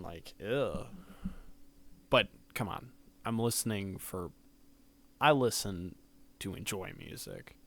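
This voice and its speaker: Sleepy, slow-talking man reviewing music. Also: lowish voice, a bit bright. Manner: rambling, hesitant, many ums. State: sleepy, yawning late at night. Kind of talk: casual review chat. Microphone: close mic that can peak.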